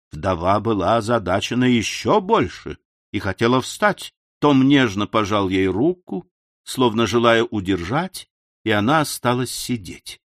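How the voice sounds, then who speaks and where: A man's voice: mid-range voice, no room sound. A male audiobook narrator with a mid-range voice tells the story at an easy pace, dropping into confiding asides to his listeners. The sound is dry and close, with no room around it. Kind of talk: scripted literary narration.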